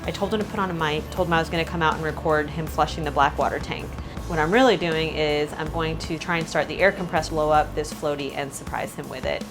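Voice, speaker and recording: A woman narrating a casual RV vlog in a chatty, playful, excitable way. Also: low-pitched, fast talker. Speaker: vlogger. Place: RV campground, indoors and outdoors. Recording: background music.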